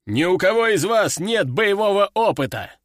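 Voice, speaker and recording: A hot-tempered army general shouts slow, drawn-out orders, voiced by a man reading a story aloud. His pitch swings widely from yell to yell. The sound is dry and close. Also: very animated, no room sound. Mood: bellowing. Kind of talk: audiobook character voice.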